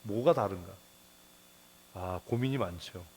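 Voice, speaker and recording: A male pastor preaching a Bible devotional in a blunt, colloquial way, firing rhetorical questions, muttering curses and chuckling, his pitch jumping up at times. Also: measured pace, darkish tone, slight background noise. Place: church.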